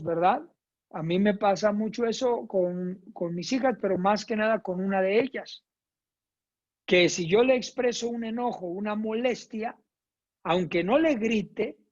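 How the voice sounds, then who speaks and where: A woman's voice: mid-range voice, a little mellow. A woman teaching a psychoeducational class, speaking emphatically, repeating phrases in lists and checking in with her listeners. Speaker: course instructor. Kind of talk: psychoeducational lecture. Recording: dull lo-fi recording.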